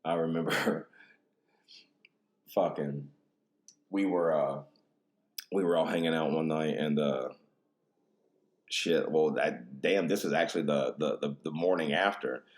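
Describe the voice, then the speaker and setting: Laid-back, very low-voiced podcast guy. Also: a little slow, pauses often. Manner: laid-back, slangy and profane, full of "dude" and "bro". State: a little tipsy from drinks. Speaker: podcast host. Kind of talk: casual rambling podcast chat.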